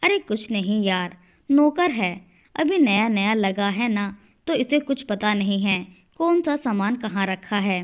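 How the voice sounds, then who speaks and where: A sharp-tongued, contemptuous young daughter-in-law, as a woman narrator puts her on, scolding at a middling pitch. The storybook recording sounds dull and lo-fi. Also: lively intonation, unhurried, clean tone, lightly acted. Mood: flustered.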